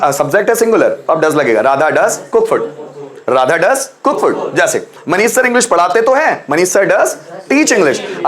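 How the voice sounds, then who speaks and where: Man, Hindi accent, English teacher, live class, coaxing, lively pitch swings. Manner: lively, coaxing, repeats example sentences slowly.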